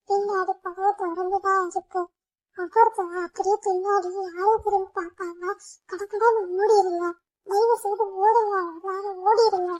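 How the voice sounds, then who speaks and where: A bold young girl, as a young performer puts her on, talks in an extremely high voice and gives the others firm orders. It sounds like a homemade doll story play. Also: no echo. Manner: urgent, bossy when giving orders. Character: bold girl who tells ghost tales.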